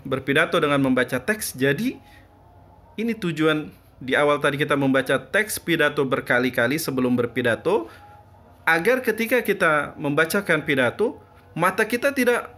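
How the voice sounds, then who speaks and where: A man's voice: fairly high pitch, sharp tone. A man teaching a class, explaining step by step and answering his own questions as he goes. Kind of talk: classroom lesson.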